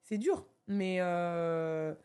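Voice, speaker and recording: A woman in casual conversation, animated and slangy, with many fillers and restarts. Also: on the low side, extremely slow, clean tone. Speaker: podcast co-host.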